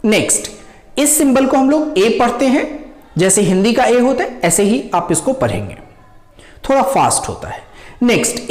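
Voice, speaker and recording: A woman teaches English sounds in a slow, deliberate lesson, stretching each vowel as she demonstrates it. Her voice sits fairly high and moves a lot in pitch. It rings in a noticeably echoey room. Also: darkish tone.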